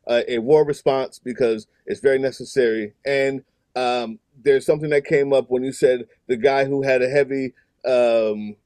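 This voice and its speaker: A man's voice: mid-range voice, steady tone, moderate pace, a little mellow, no echo. A man hosting a podcast in casual chat, rambling with fillers and restarts. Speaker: podcast host.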